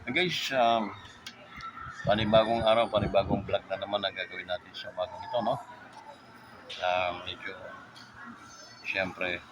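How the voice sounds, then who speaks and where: A man hosting a casual vlog, joking and rambling, tagging his phrases with 'no?', a bit hoarse after a recent illness. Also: deep voice, steady tone, moderate pace, pauses often. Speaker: motovlogger host. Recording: vlog with loud background noise.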